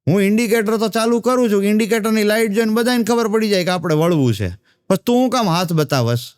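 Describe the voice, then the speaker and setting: A man's voice: sits high, fast, a little mellow, smooth, no room sound, clean studio sound, close to an everyday voice. A man voicing a scolding husband on a motorbike, speaking. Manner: scolding, insulting.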